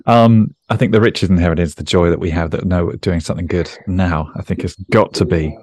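A man's voice: deep voice, a little fast, darkish tone, husky. Chatty, joking man hosting. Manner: rambling, jokey and self-deprecating. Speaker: podcast host. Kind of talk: casual conversational interview.

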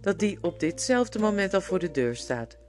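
A reader voicing a patient, loyal talking badger who speaks slowly and earnestly, with guitar music underneath. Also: mid-range voice, pitched above the performer's own voice, close to an everyday voice. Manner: slow, calm, earnest.

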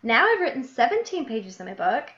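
A woman's voice: fairly high pitch, fairly quick. A young woman hosting a podcast, chatting casually and giggling as she reads from her childhood diary. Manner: giggly, animated, laughs often between readings. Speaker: podcast host. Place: lives in New Jersey, grew up in Illinois. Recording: dull lo-fi podcast audio.

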